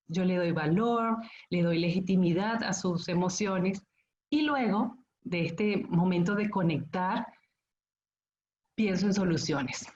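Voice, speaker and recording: A middle-aged woman lectures parents in a calm, explanatory way, pausing to check that her listeners follow. The sound is roomy, as if she is speaking in a hall. The recording is a little dull and muffled. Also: on the low side, slight background noise. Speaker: school conference speaker.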